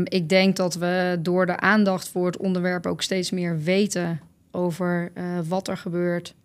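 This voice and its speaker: A woman municipal adviser giving measured, unscripted answers in an interview. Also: lowish voice, a little mellow. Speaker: guest, municipal strategic adviser.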